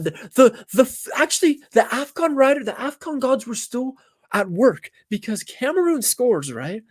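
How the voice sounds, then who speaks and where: A young man in casual, excited talk about a football match, acting out his reactions and swearing freely. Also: fairly high pitch, no room sound, clean studio sound. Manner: animated, swears, acts out reactions.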